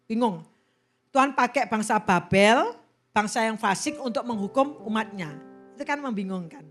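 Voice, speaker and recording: A woman preaches from the pulpit in a lively, expressive style, often slipping into dramatic quoted voices. Her voice sits fairly high. Soft music plays faintly behind her. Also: moderate pace. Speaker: pastor. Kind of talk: sermon. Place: church.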